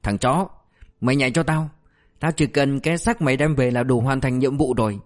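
A man's voice: medium pitch, fairly quick, natural voice. A man doing a raging, merciless cop. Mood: contemptuous. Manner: shouting abuse, harsh and relentless. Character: ruthless male police officer berating a suspect.

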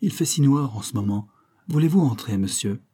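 A fretful, deferential old innkeeper, as a male reader puts him on, raised and pleading, forever calling the visitor sir. The voice is lifted well above the husky, mellow narration. Storybook reading. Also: mid-range voice, expressive, normal speed. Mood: startled.

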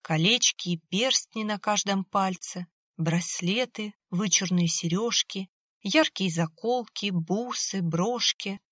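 A woman's voice: mid-range voice, takes it slowly, a bit bright, dry recording. Woman narrating an audiobook, dry sound. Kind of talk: scripted narration.

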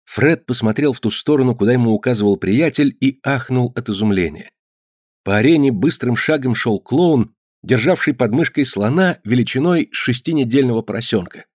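A man reading a novel aloud as narrator, in a measured storytelling way. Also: mid-range voice, lively intonation, a little mellow, husky, no echo, studio quality. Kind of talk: audiobook reading.

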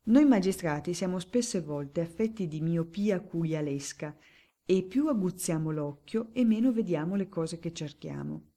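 A woman reading aloud as a shrewd, affable older male magistrate who questions a witness in a smooth, genial way. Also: fairly low pitch, animated, moderate pace, warm tone.

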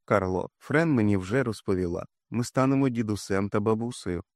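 A man voicing a calm, steady middle-aged father who speaks in a measured way. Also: lowish voice, no echo, studio quality, natural voice.

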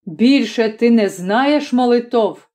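A woman reading as a grim middle-aged father gives slow, hard orders in a dark, mellow tone. He sounds cold and unyielding. It is a storybook figure. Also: a little high. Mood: stern.

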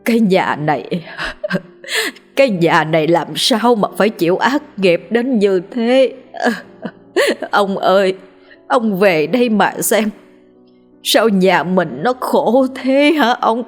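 A woman's voice: medium pitch, lively intonation, faint music behind. Woman voicing a tearful old grandmother lamenting. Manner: slow, mournful lamenting. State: crying.

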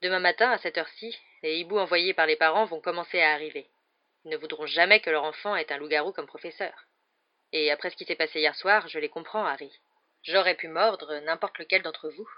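A reader voicing a gentle, weary male teacher who speaks in a calm, measured way. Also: mid-range voice, lightly acted. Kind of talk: audiobook character voice. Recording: slightly dull lo-fi recording.

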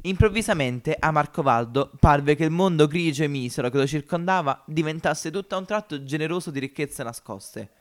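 A man narrating a story in an amateur audiobook podcast, in a measured, expressive reading. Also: fairly high pitch.

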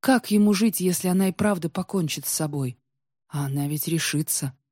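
Woman reading a dark storybook tale. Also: on the low side, a little fast, husky, no echo, clean studio sound. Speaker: audiobook narrator. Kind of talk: scripted storybook narration.

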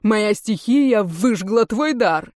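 A woman voicing an enraged male fire mage and father, hurling accusations in raised, slow shouts. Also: mid-range voice, animated, no room sound, clean studio sound. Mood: accusing.

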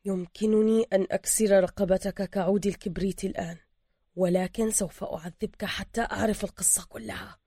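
A stern foreign man speaks formally and with force, as a woman puts him on. The delivery is brisk and dry. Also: medium pitch, steady tone, darkish tone, no echo, natural voice. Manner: formal and commanding.

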